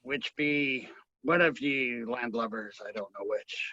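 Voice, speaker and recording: A man's voice: mid-range voice, bright, forceful tone, dry recording. A man hosting a club meeting in a put-on pirate manner, drawn out and theatrical, over dull lo-fi video call audio. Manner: hammy pirate talk, slow and drawn out. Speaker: meeting host playing pirate captain.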